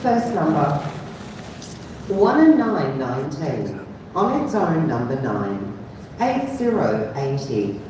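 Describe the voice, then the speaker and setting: A woman's voice: low-pitched, wildly swooping pitch. Echoey woman bingo caller, singsong delivery. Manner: measured singsong announcing, dropping on the final number. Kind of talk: bingo calling, numbers announced in set phrases. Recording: echoey hall from far off, clear noise.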